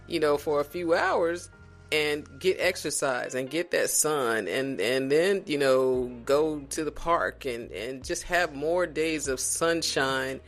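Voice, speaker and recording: A man from South Carolina, a podcast guest in casual conversation, talking in a reflective, unhurried way with many restarts. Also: on the high side, a bit bright, faint music behind.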